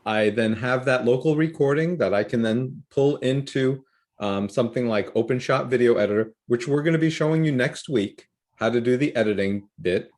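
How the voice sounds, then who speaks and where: A man leads an online training session over a video call. He explains things casually and with upbeat enthusiasm, at an ordinary mid pitch. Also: moderate pace, darkish tone. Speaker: workshop host. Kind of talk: casual instructional talk.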